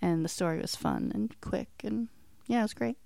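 A woman chatting casually with a friend, giggling through her sentences and padding them with fillers. Her voice sounds close and dry, with no room around it. Her pitch sits in a middle range. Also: lively intonation, normal speed, vocal fry, mellow, dry recording. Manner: chatty, laughs often, filler-heavy. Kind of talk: casual chat. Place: American.

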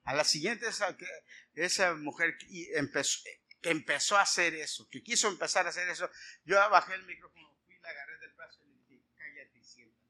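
Bright-voiced man preaching. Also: fairly high pitch, a little fast. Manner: animated storytelling, acting out dialogue. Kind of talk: sermon with personal story.

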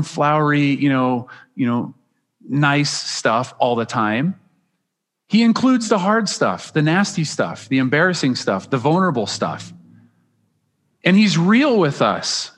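A man's voice: a little high, fairly bright tone. A man preaching a sermon as pastor, earnest and emphatic, often restarting his phrases. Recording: long reverb of a large hall.

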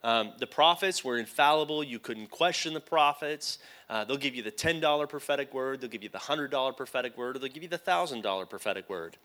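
A man's voice: medium pitch, lively intonation, fairly quick, few pauses, pushed and bright. A male pastor teaching a sermon, often putting questions to the congregation.

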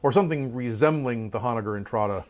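This middle-aged professor and trumpet player chats through his career in an easygoing interview, musing aloud and wandering into asides. He speaks fast in a mid-range voice.

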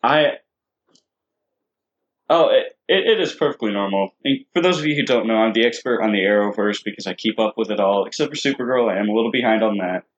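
A man's voice: on the low side, brisk. A man co-hosting a casual podcast, talking eagerly about shows he follows. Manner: eager, enthusiastic fan talk. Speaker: podcast co-host. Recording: dull lo-fi podcast audio.

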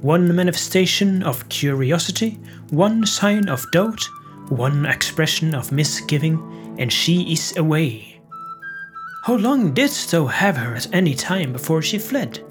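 A man voicing a frail old holy hermit who speaks gentle, solemn counsel in old-fashioned speech. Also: on the high side, lively intonation, measured pace, faint music behind, pitched above the performer's own voice. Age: older.

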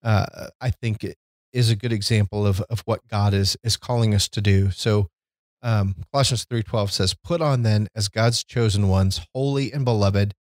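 A man with a fairly low voice co-hosts a podcast, speaking earnestly and reflectively about fatherhood and forgiveness and reading scripture aloud. The discussion is casual and faith-based, and the recording is dry.

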